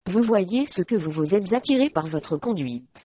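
A woman's voice: medium pitch, animated, normal speed, warm tone, breathy edge, no echo. A woman reading the part of a wrathful, stern male archbishop, speaking harshly and commandingly. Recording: dry, slightly muffled recording.

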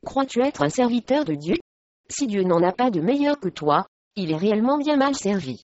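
A woman's voice: medium pitch, very animated, moderate pace, dry recording, highs cut off, close to an everyday voice. A woman reading the lines of a nobleman in a storybook, speaking firmly and earnestly. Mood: angry. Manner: sharp, then earnest. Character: irritable nobleman, tender with his wife.

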